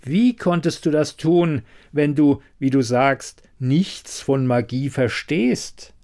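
A man's voice: mid-range voice, big pitch swings, moderate pace, natural voice. A man voicing a ruthless foreign king in a fantasy audiobook, speaking with scorn and menace. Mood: demanding. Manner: hissing, threatening, scornful.

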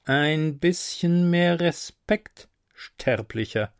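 Brief: male reader as a stern, imposing seraph, slow, thundering, commanding, dry close audiobook mic. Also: high voice, big pitch swings, dry recording, voice pushed up, full character voice.

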